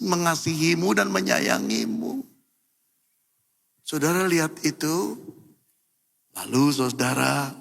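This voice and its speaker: Male preacher, bright forceful delivery, emphatic sermon style, recorded in a reverberant church hall. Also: high-pitched, vocal fry. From Indonesia. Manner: emphatic preaching, rising to loud repeated cries. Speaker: pastor.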